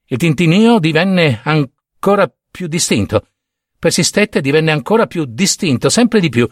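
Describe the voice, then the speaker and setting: A man's voice: on the high side, no room sound, studio quality. Intense theatrical male storyteller. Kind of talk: dramatic literary reading.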